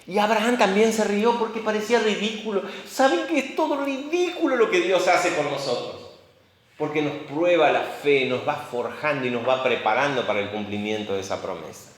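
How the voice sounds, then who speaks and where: A man preaching a sermon, full of rhetorical questions and swinging between loud outbursts and hushed moments. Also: on the high side, animated, normal speed. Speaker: pastor. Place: church. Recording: very echoey church room.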